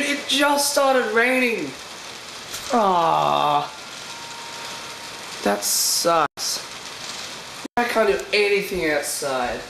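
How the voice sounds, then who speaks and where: A young man with a blocked nose and sore throat, rambling and laughing through a casual video diary from home. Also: fairly high pitch. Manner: rambling, chatty, laughs often. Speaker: vlogger. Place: at home, indoors. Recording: echoey room with background noise.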